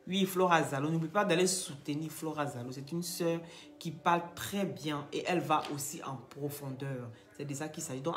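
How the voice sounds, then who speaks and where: A woman runs a live gossip stream, her low voice swinging into sharp, high outbursts as she keeps calling out viewers. She repeats her phrases over and over. The room gives her voice a clear echo. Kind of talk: Facebook live gossip commentary.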